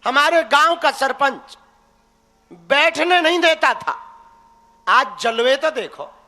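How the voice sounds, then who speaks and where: A man's voice: very high-pitched, expressive, slow pace, bright, forceful tone, long reverb tail. A man preaching a devotional sermon to a crowd, teasing and blunt, speaking straight at his listeners. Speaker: spiritual preacher.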